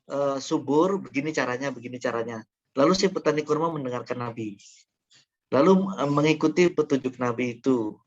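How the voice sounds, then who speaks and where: A man with a fairly high voice lecturing a class, working through examples and often stopping to restart his sentences. The sound is dull and lo-fi, as if from a classroom recording. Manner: explains through examples with frequent fillers and restarts. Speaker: university lecturer. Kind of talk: classroom lecture on Quran interpretation.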